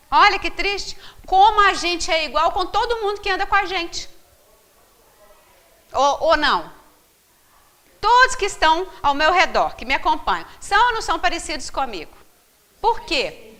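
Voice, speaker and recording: High, lively woman teaching. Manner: animated, keeps checking in with rhetorical questions. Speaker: spiritist study group leader. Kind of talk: teaching a book study.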